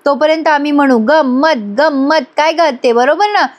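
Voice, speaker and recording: A woman voices an eager young woman, high and playful, pleading to be let in on a secret. She sounds bright-spirited in a retold family drama. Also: fairly even intonation, normal speed, close to an everyday voice.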